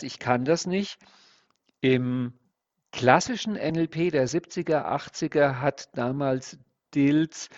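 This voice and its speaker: Man, gravelly voice, NLP trainer, thoughtful explainer, dull lo-fi recording. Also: mid-range voice. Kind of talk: explanatory interview talk. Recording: dull lo-fi sound.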